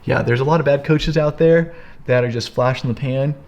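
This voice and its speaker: A young man co-hosting a coaching talk, energetic and emphatic, explaining sales follow-up in a casual teaching chat. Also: medium pitch, fairly quick. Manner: energetic, emphatic, repeats "here's the deal". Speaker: co-host, business coach.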